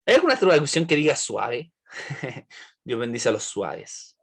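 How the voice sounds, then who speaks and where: A man's voice: mid-range voice, huge pitch swings, unhurried, gravelly. A man leading an online Bible study, asking the group questions and checking in with "right?".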